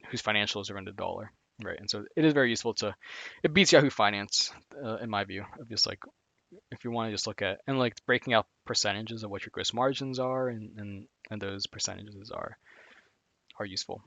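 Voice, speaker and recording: A man with a fairly low, creaky voice and a sharp tone talks briskly with no echo. He's streaming live and casually working through a list of finance reading resources, rambling with lots of fillers, frequent restarts, and heavy use of "like" and "again."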